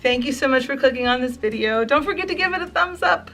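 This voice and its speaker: A fairly high-voiced woman in her forties talks straight to her viewers from home, earnest and thankful. She sounds close to tears, her voice thick with feeling, with soft music playing faintly underneath. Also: animated, quick pace. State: near tears. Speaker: home and craft vlogger. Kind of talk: heartfelt vlog to camera.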